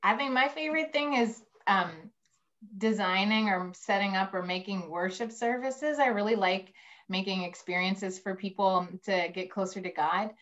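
A woman's voice: medium pitch, moderate pace, fairly bright tone. A middle-aged woman priest casually explaining things for children on a video call. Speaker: priest, interview guest. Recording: slightly dull video-call audio.

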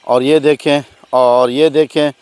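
A middle-aged Pakistani goat farmer outdoors on his farm, giving a friendly sales pitch and showing his goats to the phone camera. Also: steady tone, takes it slowly, darkish tone, dry recording. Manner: friendly salesman patter, keeps saying "my brother". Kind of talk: casual sales vlog. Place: outdoors on a farm by open fields. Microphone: handheld phone camera.

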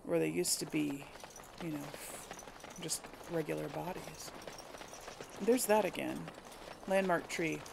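This low-pitched, gravelly woman speaks at a measured pace and pauses often, with background noise present. She's a gaming video host doing casual let's play commentary, chatting with viewers and musing as she plays amid video game ambience and effects.

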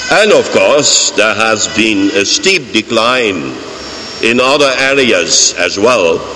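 Older Dutch priest, slow and emphatic. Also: male voice, on the low side, expressive. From Netherlands. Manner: slow, deliberate, emphatic with repeated phrases. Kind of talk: homily. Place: large church, indoors. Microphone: fixed mic on pulpit. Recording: church reverb, faint hiss.

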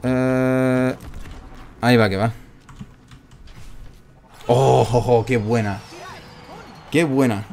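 A man casually commentating his own gameplay, chatty and excitable, groaning at every miss. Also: mid-range voice, slow, creaky, pauses often, faint music behind. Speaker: gaming streamer.

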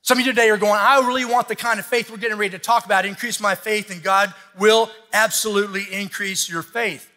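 Male pastor, sermon delivery, emphatic and bright-edged, amplified with long hall reverb. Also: sits high, steady tone, quick pace, few pauses. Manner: emphatic, exhorting, repeats phrases for effect. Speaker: pastor preaching. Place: large church stage, indoors.

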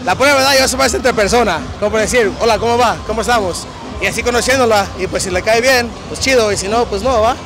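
A man's voice: sits high, fast, low-quality recording. A man from Michoacán with a Mexican Spanish accent, talking in an easygoing, casual way on a street at night. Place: busy street outdoors at night. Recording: loud music and crowd noise.

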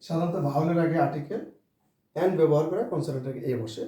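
Male teacher, mellow, slightly high voice, spells words out and answers his own questions; distant mic, very echoey room. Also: fast talker. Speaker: English teacher. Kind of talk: spoken English lesson.

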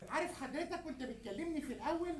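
A man's voice: very high voice, animated, very fast. A man voicing a stubborn, nitpicking Egyptian mother on the phone, in a hidden camera prank. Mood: needling.

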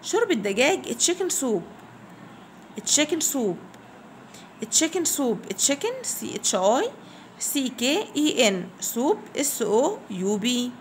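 A woman's voice: sits high, very animated, moderate pace, slight background noise. A woman with an Egyptian Arabic accent teaching English vocabulary to young pupils, repeating each word and spelling it out letter by letter in a fond tone. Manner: affectionate, addresses pupils as "my dears". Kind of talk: classroom vocabulary lesson.

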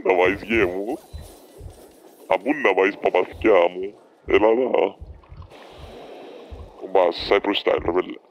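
A young man with a Cypriot Greek accent, cursing and shouting game calls boisterously. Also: low voice, pauses often, dull audio, slight background noise. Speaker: gamer. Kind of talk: casual gaming chat.

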